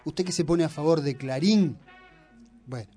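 A man's voice: fairly high pitch, normal speed, mellow, soft background music. A man with an Argentine accent hosting a radio show, teasing his co-host and lecturing at length on politics. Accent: Argentine Spanish. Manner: argumentative, provocative, lecturing on politics. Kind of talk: opinionated radio banter.

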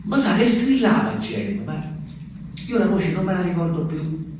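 The wistful, rambling monologue comes from a stage actor playing a lonely old peasant who talks to the moon. His voice sits high with lively intonation at normal speed, and the distant theatre recording carries reverb and faint noise.

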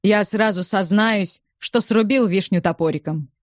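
A woman voicing a drily ironic, unflappable gentleman who speaks deadpan. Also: medium pitch, unhurried, no echo, clean studio sound, lightly acted.

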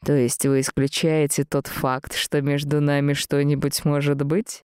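A woman voicing a cold, mocking aristocratic man who speaks slowly and quietly, with a teasing edge. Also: deep voice, little pitch movement, clean tone, no room sound, clean studio sound. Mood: insinuating.

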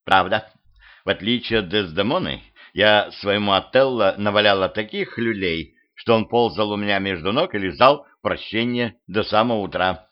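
A man voicing an excitable female cyborg who whispers gossip, in a home audiobook. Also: fairly low pitch, moderate pace, highs cut off, lightly acted. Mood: whispered gossip.

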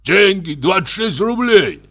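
A man voicing a calm, pious old pilgrim who talks slowly and reproachfully. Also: high voice, pitched above the performer's own voice, full character voice. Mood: pleading. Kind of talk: audiobook character voice.

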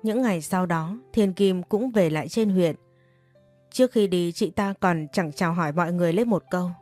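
Low-voiced woman narrating an audiobook. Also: a little fast, darkish tone, soft background music. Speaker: storyteller and channel host. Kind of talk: audiobook novel reading.

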